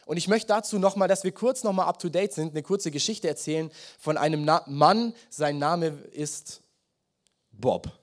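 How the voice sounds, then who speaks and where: A young man preaching a sermon in German, telling stories and reading scripture with lively, emphatic delivery. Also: a little high, moderate pace. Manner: lively storytelling with emphatic rises.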